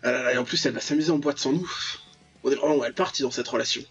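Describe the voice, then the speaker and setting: A man hosting a gaming video fires off casual, jokey commentary in a rapid, husky, medium-pitched voice. His dull, lo-fi mic picks up the game music playing behind him.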